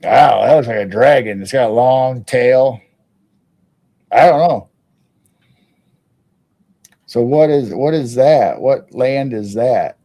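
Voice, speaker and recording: A man hosting a casual live stream, thinking aloud in halting starts while studying something on his monitor. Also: medium pitch, warm tone. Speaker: stream host.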